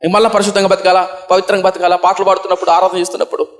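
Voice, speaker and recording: Brief: despairing young penitent, low broken confession, echoey room, as a preacher acts him out. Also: male voice, little pitch movement, racing, lightly acted. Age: young adult. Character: remorseful young man, weeping penitent believer.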